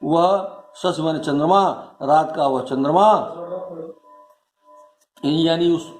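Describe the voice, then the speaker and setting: A male teacher reads a classical poem line by line and then unpacks each phrase in simple terms. He speaks slowly, in a slightly high voice. The recording is roomy and echoey, with a faint hum of noise behind him. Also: darkish tone, faint music behind. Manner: reads verse lines, then restates them plainly. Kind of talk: slow, explanatory poetry lesson.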